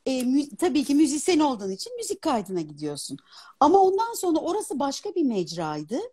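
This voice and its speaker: A woman in her fifties, an opera singer and dubbing artist, talking as a guest in a casual live interview, animated and articulate. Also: sits high, fairly quick. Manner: animated, articulate, laughs easily. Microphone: phone on a live video stream.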